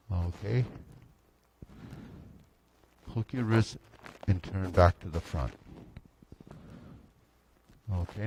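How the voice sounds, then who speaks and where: A man teaching tai chi, calling out movement cues in calm, measured short phrases with pauses between them. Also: sits low, poor audio. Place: large mirrored wood-floored indoor studio. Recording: faint room noise.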